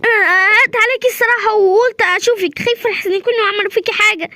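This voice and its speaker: A woman's voice: very high-pitched, fairly even intonation, very fast, pushed and bright, dry recording, clean studio sound. A woman with an Egyptian Arabic accent playing a worried young friend who comes to check on someone, in a homemade comedy skit.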